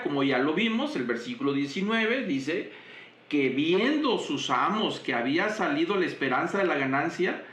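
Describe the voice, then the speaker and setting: A man's voice: fairly high pitch, a bit bright. Man teaching a Bible class. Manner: vivid retelling with rhetorical questions. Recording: roomy echo.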